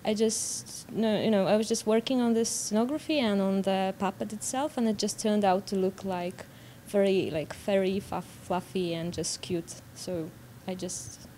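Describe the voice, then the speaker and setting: A woman's voice: mid-range voice, fairly even intonation, moderate pace, few pauses, warm tone. A young woman with a Polish accent giving spontaneous answers in an interview as a student animator. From Poland. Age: young adult. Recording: background noise.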